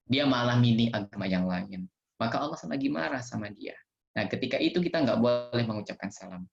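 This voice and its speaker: Gentle man teaching kids on a video call. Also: mid-range voice, creaky, a little hiss or hum. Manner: gentle, patient, speaks to kids with playful examples. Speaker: children's religious teacher. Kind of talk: online Q&A lesson for children. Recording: roomy, dull video-call audio.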